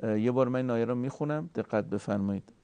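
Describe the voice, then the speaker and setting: A man giving a formal recitation lesson, courteous and deliberate, slowly drawing out sounds to show how they are made. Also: medium pitch, mellow, clear, resonant tone, dry recording. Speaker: Quran recitation teacher.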